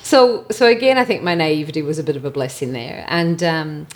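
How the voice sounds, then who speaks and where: A low-voiced Irish woman, middle-aged or older, talks fairly quickly as a podcast guest from home. A mental health advocate, she tells her own story in a reflective, conversational tone.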